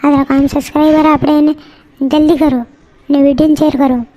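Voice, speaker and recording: A woman voicing a rustic, quick-tempered village tea-stall man with a Malwi accent, bantering bluntly in a cartoon. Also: sits high, level tone, dark tone, a little hiss or hum, natural voice.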